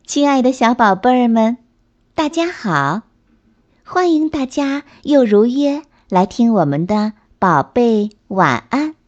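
A woman's voice: a little high, very animated, slow, soft background music. Sing-song woman reading bedtime stories. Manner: gentle, sing-song storytelling to small children. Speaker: bedtime story host. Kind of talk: children's bedtime story reading. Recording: slightly dull lo-fi recording.

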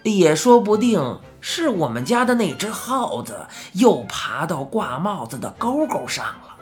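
A woman voicing a sly, evasive strange old man in a children's audiobook, dodging questions with a playful, drawn-out chuckle. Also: on the low side, very animated. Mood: evasive, teasing.

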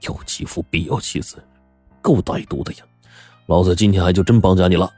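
A man voicing a rough but kind-hearted middle-aged father who talks bluntly and gruffly in a told story. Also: sits low, steady tone, quick pace, a little mellow, no echo, faint music behind. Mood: angry.

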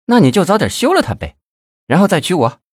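Man voicing a coy young TV-host mistress, sharp tongue, lively pitch, storybook read. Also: slightly rough, no room sound, clean studio sound, heavily acted. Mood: coquettish, teasing. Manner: coquettish, scolding, quick retorts.

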